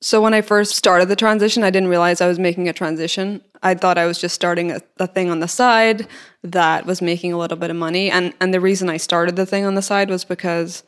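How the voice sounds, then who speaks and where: A woman's voice: on the low side, fairly even intonation, brisk, smooth. A woman in her thirties with a Northern Irish accent, a podcast guest telling her story in a chatty way. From Northern Ireland. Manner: chatty storytelling, laughs easily. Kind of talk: casual podcast interview.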